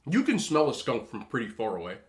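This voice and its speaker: Male mukbang host, casual rambling storyteller, eating between phrases, animated and slangy, mid-range voice. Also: medium pitch, quick pace.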